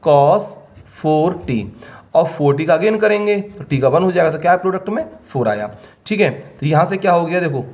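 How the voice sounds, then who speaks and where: A man's voice: fairly high pitch, lively intonation, phone-quality sound. A male maths teacher working through a problem on the board step by step, often checking that his students follow. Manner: dictates terms slowly, step by step. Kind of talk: whiteboard maths lesson.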